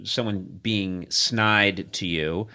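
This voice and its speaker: A man's voice: low voice, steady tone, drawn-out words, pushed and bright. A man hosting a podcast, teasing his co-host in casual comedic banter with a mock-pompous manner.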